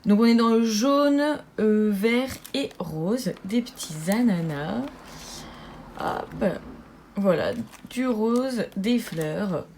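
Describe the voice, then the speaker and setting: A woman budgeting vlogger chatting casually to her viewers, bubbly and talkative, often laughing and filling pauses. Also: medium pitch, lively intonation, darkish tone, slight background noise.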